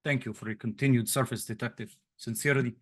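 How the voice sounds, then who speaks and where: A man's voice: medium pitch, fairly even intonation, fast, fairly bright tone, lightly acted. A man reading a police captain's formal letter to a detective in a put-on Russian accent.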